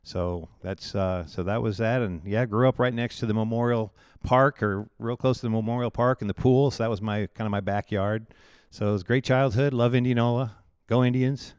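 A man's voice: medium pitch, steady tone, brisk, darkish tone, clean tone, no echo, studio quality. A man in his forties from Iowa, a pastor being interviewed in casual talk, who rambles and often restarts his phrases. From Iowa, USA. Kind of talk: conversational interview.

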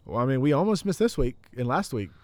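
A man in his thirties in an easygoing podcast chat, his voice sitting at an ordinary middle pitch. He rambles, loses his thread and laughs at himself. The sound is dry and close, with no room around it. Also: big pitch swings, fast talker, a little mellow, no echo. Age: 30s. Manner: rambling, laughing, self-deprecating. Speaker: podcast co-host. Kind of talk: casual chat.

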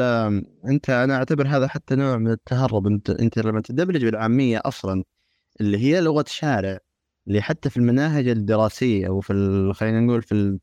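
A man in a casual gaming discussion who talks haltingly, restarting often. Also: on the low side, a little mellow, dry recording. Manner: halting, many restarts and repeated words.

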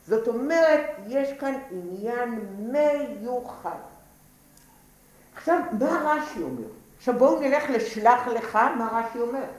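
A woman teaching a Torah class, lively and repeating key points as she questions the students. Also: on the high side. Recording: roomy echo, faint background noise.

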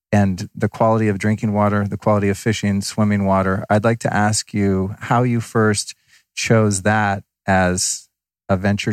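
A man's voice: fairly low pitch, no room sound. A man hosting a podcast, introducing the show and putting questions to his guest. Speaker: podcast host.

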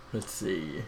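A man narrating a tabletop game as game master, informal and halting as he improvises. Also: background noise.

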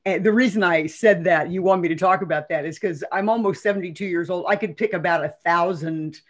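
A woman's voice: on the low side, brisk. A woman in her seventies, a therapist guest on a podcast, talking in a casual, outspoken and enthusiastic way and laughing often. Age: 70s. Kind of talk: casual conversation.

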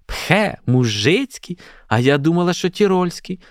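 A woman's voice: on the low side, big pitch swings, unhurried, no room sound, clean studio sound, pitched above the performer's own voice. A man voicing a haughty young woman just out of a girls' institute, with prissy, scornful exclamations.

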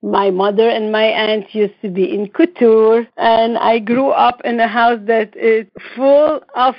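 Calling in from home as a guest in a casual interview chat, a woman fashion designer and brand owner speaks chatty, non-native English and laughs often. Her voice is mid-range. She is from the Middle East, born in Lebanon and partly raised in Israel, and the lo-fi audio is slightly muffled.

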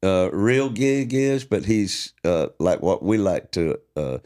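A man's voice: sits low, big pitch swings, slow, darkish tone. A man with a Southern US accent hosting a casual, joking interview. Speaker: host.

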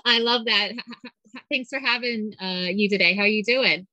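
A woman's voice: medium pitch, brisk, pushed and bright, no room sound, low-quality recording. Enthusiastic woman podcast host, dry sound. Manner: enthusiastic, with fillers. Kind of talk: casual interview chat.

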